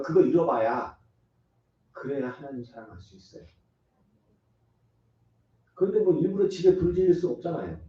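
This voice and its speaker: Pastor preaching in an echoey church. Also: male voice, on the high side, mellow. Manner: earnest, emphatic preaching with acted-out quotes. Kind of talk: sermon. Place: church sanctuary. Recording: echoey church hall from far off, dull sound.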